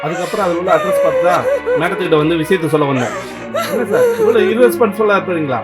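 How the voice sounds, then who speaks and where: A brisk, stern police officer delivers news quickly in a fairly high, lively voice. He sounds official and reproachful, with loud music under the film track. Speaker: police sub-inspector. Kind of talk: short film acting.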